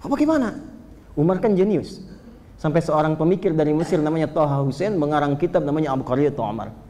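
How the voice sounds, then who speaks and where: A man giving a lively, joking sermon and speaking straight to his listeners. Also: a little high, fast. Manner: animated, joking, addresses listeners directly. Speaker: Islamic preacher. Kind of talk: lively sermon to a live audience. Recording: long reverb of a lecture hall.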